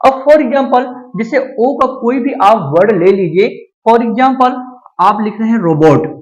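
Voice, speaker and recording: A male teacher walks through English sounds in a classroom lesson. He says each example word over and over, slow and deliberate. He keeps asking a question and answering it himself. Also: very high voice, animated, rough recording. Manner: repeats words slowly, asks and answers his own questions.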